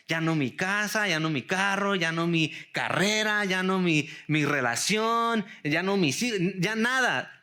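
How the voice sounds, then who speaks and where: A male pastor delivers a sermon in a church, his voice pitched high and bright with a sharp, forward edge. He speaks to the congregation as brothers, throws out rhetorical questions and drops English words into his Spanish. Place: church sanctuary.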